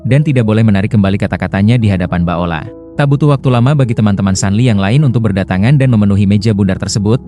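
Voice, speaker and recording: Fast, mellow-voiced male recap narrator. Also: fairly low pitch. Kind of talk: scripted story recap narration. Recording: narration over background music.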